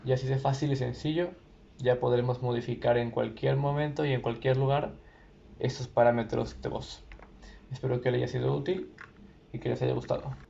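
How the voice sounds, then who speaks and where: Man, tutorial presenter, calm step-by-step, gravelly voice, lo-fi recording. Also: medium pitch, normal speed. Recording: lo-fi with faint noise.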